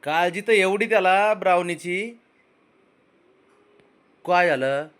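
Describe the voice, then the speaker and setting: A man's voice: high-pitched, slow pace, fairly bright tone, smooth. A man filming his pets, coaxing and questioning his cat in a sing-song baby-talk voice. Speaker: pet owner filming his cats. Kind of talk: casual pet vlog.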